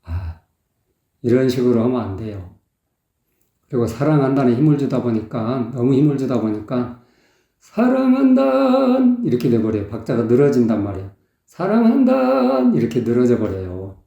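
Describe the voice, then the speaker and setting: Dark-voiced male vocal coach, echoey. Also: mid-range voice, brisk. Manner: explanatory, sings short phrases to demonstrate. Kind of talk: song analysis commentary. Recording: echoey, dull lo-fi sound.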